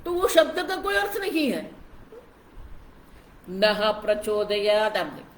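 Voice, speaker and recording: A woman's voice: very high-pitched, huge pitch swings, brisk, roomy sound, a little hiss or hum, poor audio. A woman spiritual teacher giving a scripture discourse, explaining patiently and often calling her listeners to look closely. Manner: explanatory, repeats "ab dekho" to engage listeners.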